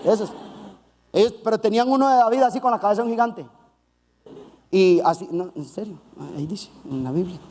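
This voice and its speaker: High-voiced animated male preacher. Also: brisk, long pauses, big-room sound. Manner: animated storytelling with playful asides; acts out voices of biblical figures. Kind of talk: sermon.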